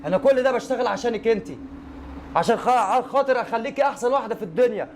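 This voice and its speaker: A man's voice: very high-pitched, very fast, slight background noise. A man with an Egyptian accent playing a tired working father who scolds and dismisses his daughter. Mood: irritated.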